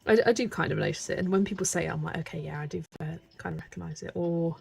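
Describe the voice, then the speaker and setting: Hosting a live stream while colouring, a young West Country woman from England chats casually with a mild accent and laughs a lot. She talks fast in a lowish, fairly even voice that's creaky and a little mellow with a breathy edge.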